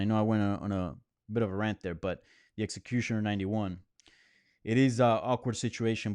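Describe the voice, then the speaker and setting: A host with a fairly low, darkish, clean-toned voice answers viewers' questions during a live stream in an apartment close to a hospital. He rambles conversationally with many fillers and restarts; the audio is studio quality with no room sound.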